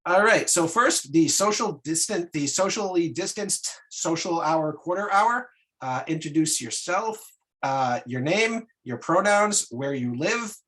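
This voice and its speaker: A man informally moderating an online meeting, giving polite instructions in a halting way. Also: on the high side, expressive, a bit bright, poor audio.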